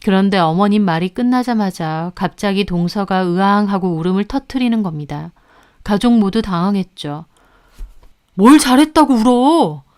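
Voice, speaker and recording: A woman tells a family drama in the first person, with a smooth, clear voice at a middle pitch. She recounts events calmly, in a confiding tone. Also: moderate pace. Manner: calm confiding retelling. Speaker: narrator. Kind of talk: first-person story narration.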